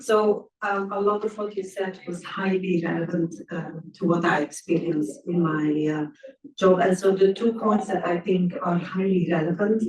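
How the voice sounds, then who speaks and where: A woman's voice: fairly low pitch, a little mellow. Belgian-born woman speaking in a roomy hall. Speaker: audience member. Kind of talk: conference floor comment. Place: conference room. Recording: roomy hall audio from a distance.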